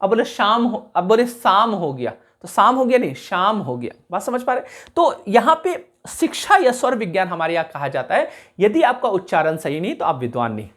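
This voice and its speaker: A man teaching a class, explaining carefully, repeating key sounds slowly and checking whether his students follow. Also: high-pitched, big pitch swings, fairly bright tone. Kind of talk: classroom lecture.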